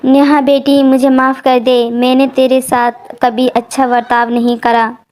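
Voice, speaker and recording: A woman puts on a once-harsh stepmother in a storybook tale, now pleading and remorseful. Her voice is high. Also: flat delivery, a little slow, darkish tone.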